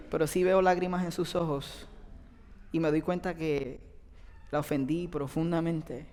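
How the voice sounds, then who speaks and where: Man preaching. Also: sits high. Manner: conversational, addresses the audience directly. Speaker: pastor. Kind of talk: sermon. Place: church auditorium with an audience. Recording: long reverb from a large hall.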